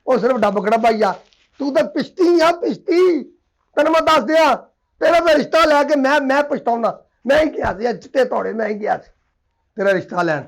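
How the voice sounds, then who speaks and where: Man acting as a whiny older brother, very high voice, theatrical fake crying, comedy sketch. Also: a little fast, rough recording. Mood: scolding. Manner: whining, theatrical fake sobbing. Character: whiny, melodramatic older brother who demands to be fed. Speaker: comic actor.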